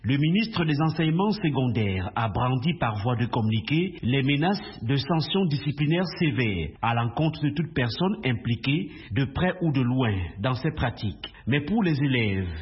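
A man reporting as a radio correspondent, in a steady, formal news voice. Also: medium pitch, moderate pace, husky. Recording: dull, lo-fi radio sound.

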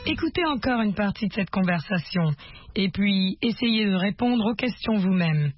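A woman narrating a language course, explaining patterns in a measured way and modeling phrases in two languages. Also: medium pitch, lively intonation, music in the background. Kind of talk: instructional narration. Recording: dry, dull lo-fi course tape.

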